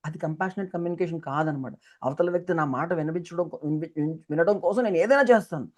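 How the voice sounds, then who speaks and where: A speaker giving an unhurried, reflective teaching talk on life skills, explaining through everyday examples. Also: mid-range voice.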